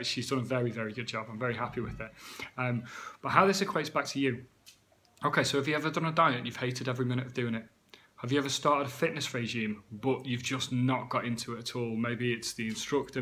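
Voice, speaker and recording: British man, thirties, fitness coach, casual chatty talk to camera, mid-pitched voice. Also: a bit bright. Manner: chatty, with frequent 'um' and 'okay?' asides.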